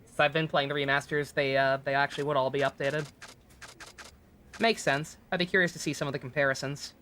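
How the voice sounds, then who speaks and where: A woman's voice: deep voice, steady tone, fairly quick, fairly bright tone, slight background noise. A woman streamer chatting and reading game dialogue aloud in a rambling, self-correcting way.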